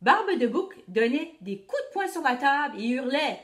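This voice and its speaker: A teacher reading a picture book aloud to children, expressive and addressing the young listeners directly. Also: female voice, high-pitched, normal speed, reverberant. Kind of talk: children's storytelling read-aloud.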